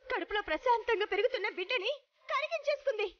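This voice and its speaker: An actress playing an angry woman who shouts and accuses a relative in a TV serial, on dull TV audio. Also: very high voice, animated, quick pace, no room sound. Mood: bitter accusing. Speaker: Gundamma, accusing daughter-in-law. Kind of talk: Telugu TV serial acting.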